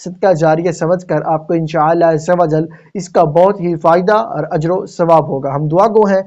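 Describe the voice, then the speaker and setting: A man's voice: on the high side, steady tone, a little mellow. A man earnestly addressing video viewers, explaining and repeating his points. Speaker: video presenter. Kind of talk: direct-to-viewer video outro commentary. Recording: dull lo-fi voice recording.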